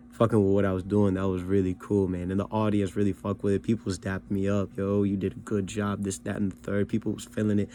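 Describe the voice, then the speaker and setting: A young man who raps, hosts a vlog and is learning to sing recaps his karaoke shows in a mellow, lowish voice. He's laid-back and slangy, leaning on fillers like "you know what I mean."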